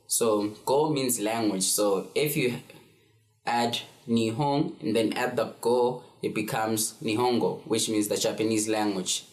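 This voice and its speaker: This South African language tutor, a man in his twenties, leads an easygoing beginner lesson peppered with ums and other fillers. He speaks in a lowish, fairly even voice at a measured pace, and the recording has a roomy echo.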